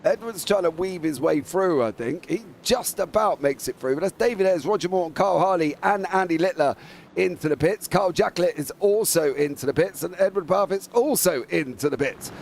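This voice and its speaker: A man commentating live on a motorsport race as the main caller, in an excitable, informal, chatty manner. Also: high voice, a little fast, gravelly, a little hiss or hum.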